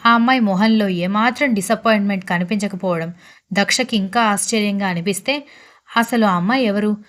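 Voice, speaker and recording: A woman storyteller reading a romance story aloud in a calm, even way. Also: mid-range voice, a little fast.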